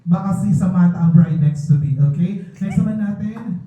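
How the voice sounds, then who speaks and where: A man's voice: sits high, normal speed, crowd noise. A man hosting wedding games in a playful, teasing, flirty way, laughing often. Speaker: wedding host. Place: reception hall. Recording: echoey hall from far off.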